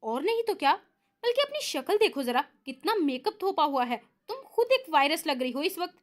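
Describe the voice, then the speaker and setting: A cheeky young man who teases and boasts with mock innocence. A woman narrator voices him in her own high, lively tone. His lines swing between sweet and smug. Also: fairly quick.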